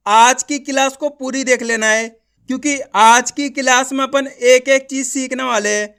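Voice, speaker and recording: A man's voice: very high-pitched, a bit bright, clean tone. A man teaching an online reading lesson, sounding words out syllable by syllable and checking in with viewers with repeated questions. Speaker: Hindi teacher.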